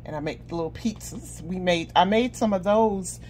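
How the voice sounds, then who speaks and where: A woman's voice: lowish voice, normal speed, a little mellow, slight background noise. A middle-aged woman chatting casually through a grocery haul in her home kitchen, rambling with lots of ums and restarts. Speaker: vlogger.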